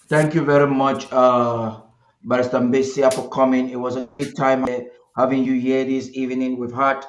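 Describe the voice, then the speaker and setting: A man hosts a live interview, pacing his formal phrasing with small halts and restarts. His voice comes through a roomy, echoing space on dull, lo-fi audio. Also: medium pitch. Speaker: host.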